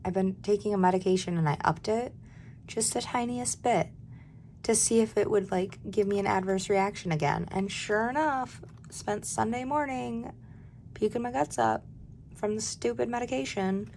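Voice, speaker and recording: A woman in her thirties with a hoarse voice from a cold, chatting candidly while she budgets and sometimes dropping to a near-whisper. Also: medium pitch, normal speed, a little mellow, slight background noise. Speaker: budgeting vlogger. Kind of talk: casual chat while stuffing cash envelopes.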